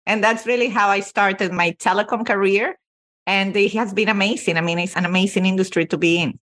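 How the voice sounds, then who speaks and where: A woman's voice: mid-range voice, fairly even intonation, a little fast, a bit bright. A woman from Venezuela, a company CEO, telling her career story with earnest emphasis as a podcast guest. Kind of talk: podcast interview.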